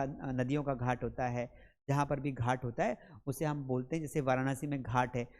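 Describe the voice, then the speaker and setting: A man's voice: a little high, darkish tone. Male English teacher, quiz-style drilling of pronunciation, friendly address to viewers. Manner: quizzing, asks viewers then answers himself; repetitive, drills each word. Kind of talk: spoken English pronunciation lesson.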